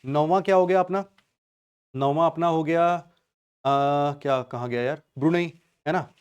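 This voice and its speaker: A man's voice: fairly high pitch, unhurried, clear, resonant tone, lo-fi sound. Quizzing man teaching geography. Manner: quizzing students with rhetorical questions, casual and joking. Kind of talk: online exam-prep lecture.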